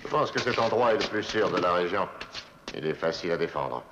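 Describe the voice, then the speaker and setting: An actor playing an authoritative army general in a French-dubbed western, giving commanding drill-sergeant style orders in a gravelly voice. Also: male voice, deep voice, animated, brisk, highs cut off, background noise. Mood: stern, controlled.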